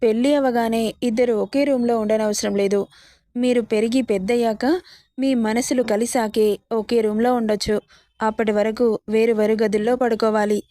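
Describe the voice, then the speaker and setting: A woman's voice: fairly high pitch, fairly even intonation, moderate pace, dark tone, no echo, close to an everyday voice. Tender motherly aunt, read by a woman. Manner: soothing, reassuring. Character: gentle affectionate middle-aged mother-in-law.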